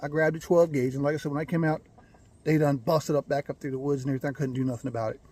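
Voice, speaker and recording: A man telling a rambling, folksy story about his birds, clearing his throat now and then. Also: on the high side, fairly even intonation, very fast, darkish tone, no echo. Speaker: gamefowl breeder. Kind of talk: casual storytelling.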